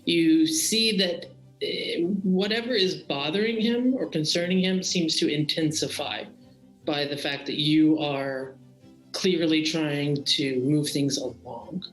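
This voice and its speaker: Higher-voiced male game master, echoey room. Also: slow pace. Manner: casual, with frequent fillers. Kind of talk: narrating a tabletop game. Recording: echoey room with faint music.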